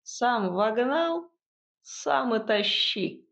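Woman doing creaky sneering Baba Yaga. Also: high-pitched, takes it slowly, highs cut off, pitched above the performer's own voice, full character voice. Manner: mocking and scolding. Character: spiteful old crone witch in a hut.

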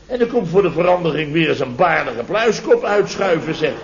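In a 1970s radio comedy, a male actor portrays a boastful contractor in his fifties, indignant and exasperated, exclaiming self-importantly and repeating himself. His fairly high voice is very animated and a little fast. It's a dull vintage radio recording.

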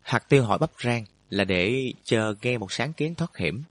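A man narrating a storybook in a steady, even way. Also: mid-range voice, normal speed, dry recording. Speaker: audiobook narrator.

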